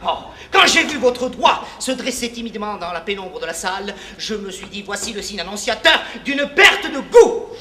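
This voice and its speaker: A man's voice: sits high, big pitch swings, moderate pace, few pauses, pushed and bright, full character voice. An actor playing a flamboyant, self-important male showman doctor on stage, grandiloquent and full of stammering theatrical flourishes. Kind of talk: live stage play. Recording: echoey stage recording.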